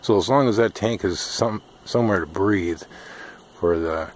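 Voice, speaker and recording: Here a deep-voiced man, an off-grid DIY vlogger, explains an outdoor project on his rural homestead while holding the camera himself. His relaxed walkthrough is peppered with ums, with a bit of hiss or hum underneath.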